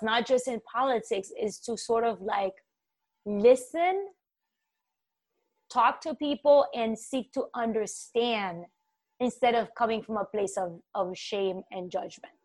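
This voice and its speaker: A woman from Haiti speaking as a community organizer in an interview, earnest and searching, pausing often and restarting her thoughts. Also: a little high. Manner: earnest, searching, full of "you know" and "like" restarts. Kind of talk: reflective conversational interview.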